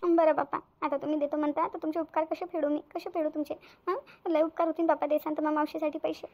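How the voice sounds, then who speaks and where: A woman plays a sly, whiny young wife in a cartoon, her high voice edged with gravel as she pleads and wheedles. She rattles her lines off at a brisk clip. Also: flat delivery, lo-fi sound. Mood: wheedling. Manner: wheedling, fake-tearful pleading. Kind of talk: cartoon voice acting.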